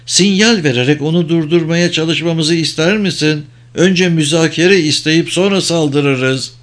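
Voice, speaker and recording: A man voicing a brisk, sharp-tongued woman second mate on a sailing ship in an audiobook, with quick, wry retorts. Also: fairly high pitch, voice pushed up, close to an everyday voice. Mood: questioning.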